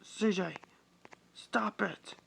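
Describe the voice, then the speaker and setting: A man voicing a frantic young woman who pleads with a friend in a high, strained voice. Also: extremely slow, gravelly, a bit bright, slight background noise, exaggerated voice.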